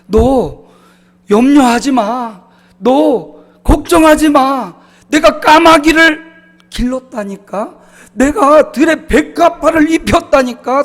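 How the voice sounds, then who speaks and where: High-voiced pastor in a reverberant church. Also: male voice. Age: 50s. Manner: emotional storytelling, swings from loud to hushed. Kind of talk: sermon. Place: church sanctuary.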